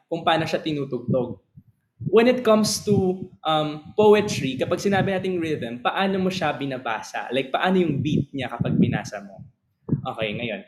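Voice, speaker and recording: A man gives a lecture, mixing Tagalog and English in his speech. His voice sits a little high, and he keeps asking the class whether they follow. He reads lines of verse slowly, drawing out each word. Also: poor audio. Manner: checks in often with the class; slow, drawn-out reading of verse lines. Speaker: teacher.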